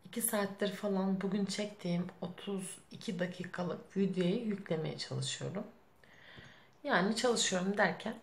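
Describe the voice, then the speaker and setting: Upset young woman vlogger, gravelly voice. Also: lowish voice, echoey room. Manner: frustrated, self-scolding, close to tears. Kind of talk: casual vlog talk to camera.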